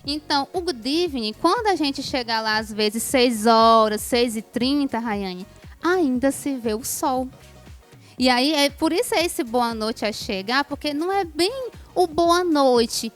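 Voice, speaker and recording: A woman, an English teacher answering interview questions in a clear, patient, teacherly manner. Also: sits high, lively intonation, measured pace, soft background music. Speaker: English teacher, show guest.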